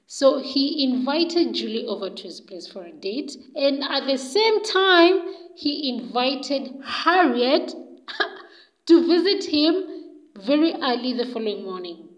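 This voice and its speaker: A woman's voice: high voice, animated, takes it slowly, rough recording. A woman telling a story in a casual, chatty way, loose and full of fillers.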